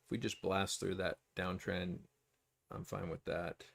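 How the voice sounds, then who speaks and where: A man with a low, gravelly voice hosts a trading livestream, thinking aloud over his charts. He rambles, circles back and fills pauses with ums. The sound is close and dry, with no room around it. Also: level tone, no echo. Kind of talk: casual livestream chart commentary.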